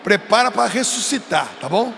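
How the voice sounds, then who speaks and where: A Brazilian man preaching to a youth crowd, emphatic, swinging between coaxing and shouting. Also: high voice, expressive, normal speed, creaky. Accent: Brazilian Portuguese. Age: adult. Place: large event stage. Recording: long reverb of a big venue, faint noise.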